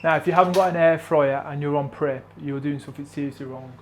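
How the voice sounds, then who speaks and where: A man's voice: on the high side, quick pace, very noisy. A man, a fitness coach, chatting casually and self-deprecatingly in a vlog.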